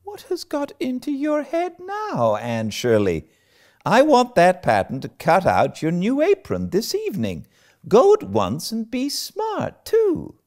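A man voicing a stern, no-nonsense older woman in a storybook, brisk, scolding and incredulous. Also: high-pitched, wildly swooping pitch, a little mellow, voice pushed up, exaggerated voice. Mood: impatient, scolding. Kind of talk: storybook character reading.

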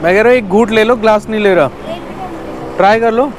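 A man's voice: sits high, a little fast, background noise. A man in his thirties chatting casually as a travel vlogger outdoors on a road trip, mixing English words into his talk. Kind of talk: casual travel vlog narration. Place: outdoors on a road trip, by roadside stalls and a temple.

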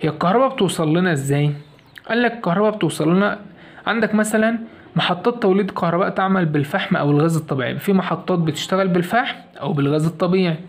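A man's voice: high-pitched, very fast. A man with an Egyptian Arabic accent teaching a science lesson, asking questions and answering them himself. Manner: asks questions and answers them himself, repeats key points. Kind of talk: fast classroom lesson explanation.

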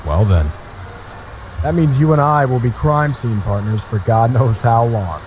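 A man voicing a male crime scene detective in a game, speaking with a flat, robotic delivery. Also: medium pitch, unhurried, slight background noise, lightly acted, low-quality recording. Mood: matter-of-fact. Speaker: game character, detective partner.

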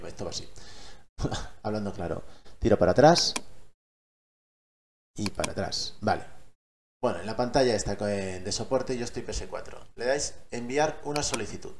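A man's voice: on the low side, moderate pace, pauses often, background noise. A man casually walks viewers through a gaming tutorial, often checking they are following. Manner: chatty, keeps checking in with listeners. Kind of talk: casual screen-recorded tutorial.

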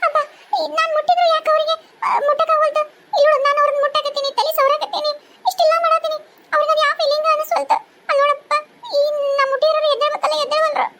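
A woman voicing a grieving young ghost wife in a cartoon, pleading and wailing in a North Karnataka Kannada accent. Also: a little hiss or hum. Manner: very high, fast, pleading and wailing. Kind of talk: cartoon voice acting.

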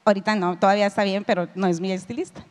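A woman's voice: mid-range voice, steady tone, rapid-fire, darkish tone. A middle-aged woman giving a lecture with a personal testimony, telling her story and speaking directly to her audience. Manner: storytelling, addresses listeners directly, acts out quoted dialogue. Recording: long hall reverb.

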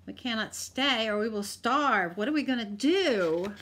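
A woman voicing an old grandmother in a children's storybook, gentle and resigned but firm in her refusals. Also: a little high, expressive, unhurried.

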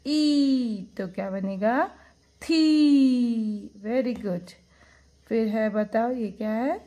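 A woman's voice: medium pitch, slow, dark tone, rough recording. A woman teacher giving a lesson to young children, drawing out each syllable and repeating sounds for the class to copy. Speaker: kindergarten teacher.

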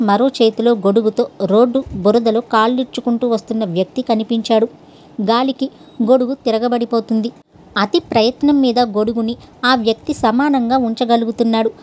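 A woman narrating a story in an expressive, descriptive way. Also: a little high, a little hiss or hum.

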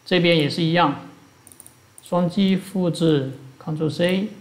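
A man's voice: a little high, takes it slowly. A man teaching step by step over a screen recording, explaining each action plainly as he works at a computer. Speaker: instructor. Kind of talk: screen-recorded software tutorial.

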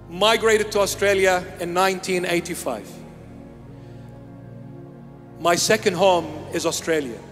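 An older bishop born in Iraq preaches an emphatic sermon into a handheld microphone, repeating key phrases, in a small church with an altar and candles. His voice sits high and a bit bright, with the sound of a large hall.

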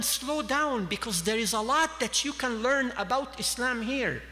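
A man's voice: very high-pitched, bright, forceful tone. A man in his thirties from Egypt giving an earnest sermon at a lectern mic in a large mosque hall, gesturing as he speaks. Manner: earnest, gesturing with both hands. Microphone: standing mic at a lectern. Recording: long hall reverb.

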